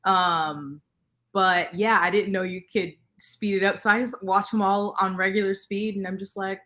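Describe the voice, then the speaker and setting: A woman talks with bubbly enthusiasm in a casual live-stream chat, her voice sitting at an everyday middle pitch. She is on a video call with other booktubers and breaks into laughs between thoughts. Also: steady tone, normal speed, sharp tone. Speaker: booktuber on a panel.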